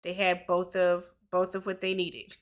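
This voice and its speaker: Her voice is fairly low, monotone, and measured as this Wisconsin woman in her forties, a YouTube host from Milwaukee, leads a casual livestream Q&A. She chats loosely, laughs often, and reads viewers' comments aloud.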